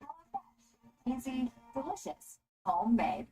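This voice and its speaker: A woman's voice: high-pitched, big pitch swings, unhurried, gravelly. A woman doing an upbeat, chipper scripted commercial voice-over with a reassuring sales manner. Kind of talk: upbeat scripted advertising read. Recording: music bed behind the voice.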